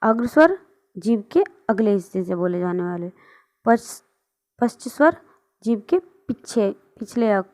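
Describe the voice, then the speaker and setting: A woman's voice: medium pitch, big pitch swings, measured pace, darkish tone. A woman teaching a grammar lesson online, explaining on screen and patiently asking and answering her own questions.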